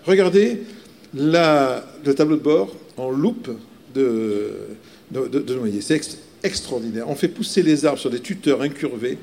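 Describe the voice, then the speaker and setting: A man's voice: mid-range voice, expressive, measured pace, creaky, darkish tone, a little hiss or hum. A man playing a pushy male luxury car salesman who gushes and piles on selling points. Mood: gushing.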